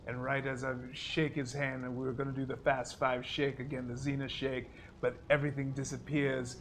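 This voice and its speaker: A man's voice: mid-range voice, level tone, normal speed, a bit bright, a little hiss or hum. A man role-playing a tabletop hero, rambling and flustered and often laughing. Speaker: player.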